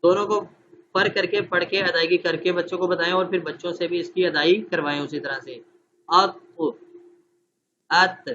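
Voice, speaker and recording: A man's voice: high-pitched, fairly even intonation, fairly bright tone. A man training teachers online, explaining step by step and often checking that his listeners understand. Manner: demonstrates letter sounds and recites verses slowly. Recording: dull lo-fi online class audio with faint noise.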